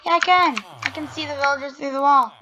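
A woman's voice: sits high, fairly even intonation, quick pace, highs cut off, background noise. A woman giving rambling, self-interrupting casual commentary over her own gameplay, with keyboard typing behind her. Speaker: gaming video creator.

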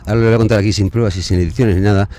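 A man telling his side of a breakup into a phone camera, unscripted and halting, restarting words and growing more pleading. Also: fairly low pitch, steady tone, mellow, slight background noise. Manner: aggrieved, rising and pleading as he goes. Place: outdoors, near a train line.

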